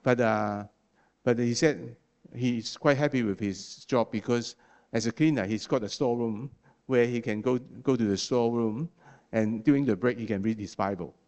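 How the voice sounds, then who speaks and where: A man preaches a sermon in English, which isn't his native language, speaking haltingly with many restarts and fillers and habitually ending points with "okay?". His voice is medium-pitched and a little mellow.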